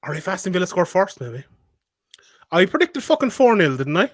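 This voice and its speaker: A young man co-hosting a football podcast, loud and jokey, swearing and reading out betting odds. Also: sits high, sing-song, fairly quick, no echo. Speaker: podcast co-host. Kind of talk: casual chat over a live football match.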